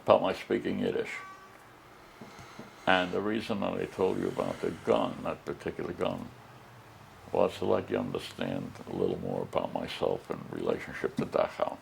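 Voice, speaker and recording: An elderly American man, a war veteran remembering his past in halting, emotional testimony and acting out remembered dialogue. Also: low-pitched, animated, creaky, a little hiss or hum, low-quality recording. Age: older, over 70. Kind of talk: oral history testimony, recollection.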